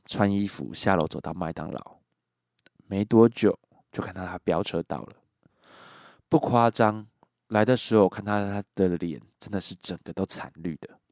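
A man's voice: deep voice, darkish tone, dry recording, studio quality. A man hosting a podcast, bluntly telling a creepy true story and swearing casually.

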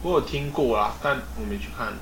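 A man's voice: mid-range voice, fast, fairly bright tone. A young man chatting on a podcast, blunt and mocking, swearing at his friends. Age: young adult. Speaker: podcast guest. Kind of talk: casual chat. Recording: echoey room with clear noise.

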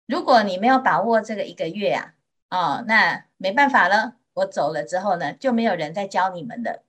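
Woman, Buddhist nun, Taiwanese Mandarin accent, gentle storytelling sermon, drawn-out particles. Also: mid-range voice, expressive. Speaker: Buddhist nun teaching sutra.

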